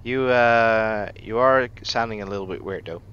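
A man leading a squad over gaming voice chat, giving brisk orders with plenty of fillers. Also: lowish voice, a bit bright, smooth, dull audio. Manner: brisk, directive, many fillers. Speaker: squad leader in a military game.

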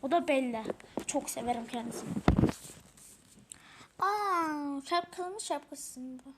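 High-voiced excitable woman gaming. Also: a little slow, heavy background noise. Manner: excitable, swears often, talks to herself. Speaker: gamer playing a mobile game. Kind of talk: casual gameplay commentary.

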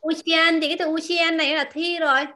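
A woman teaching a language class, repeating words slowly and asking her students questions. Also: very high voice, level tone, noisy background. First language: Vietnamese. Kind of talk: explaining vocabulary to a class.

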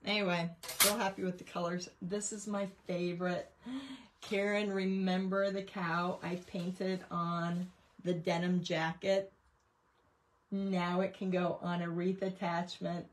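At an indoor craft table, a woman hosts a livestream and casually rambles while showing off her painting work. Her voice is fairly low, with little pitch movement, and she keeps a measured pace.

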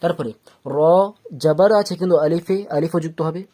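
This teacher leads a Quran reading lesson, patiently sounding out the letters one syllable at a time and stretching the long vowels. Her voice sits at a medium pitch with a dark tone and a moderate pace. She repeats each step and checks that the student understands.

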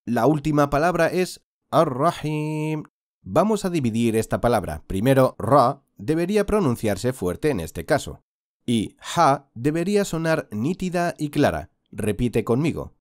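A man teaching recitation in a slow, patient lesson, stretching out sounds for the listener to repeat. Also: medium pitch, big pitch swings, no room sound, studio quality. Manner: patient, drawn-out demonstration of sounds. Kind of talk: slow instructional lesson with repeat-after-me drills.

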